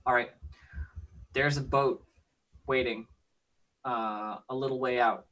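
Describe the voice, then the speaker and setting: A man's voice: medium pitch, fairly even intonation, takes it slowly, sharp tone, poor audio. A man talking casually in character as a player in a tabletop role-playing game.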